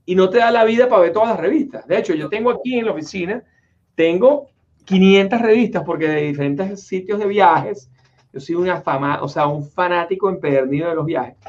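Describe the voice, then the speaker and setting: A man hosts a relaxed interview, his voice sitting a little high for a man. He rambles, restarting sentences and filling gaps as he goes. The sound is dull and lo-fi. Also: a little fast. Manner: rambling, with many restarts and fillers. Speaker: interview host. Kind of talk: casual conversational interview. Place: home office in Florida. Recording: dull lo-fi audio.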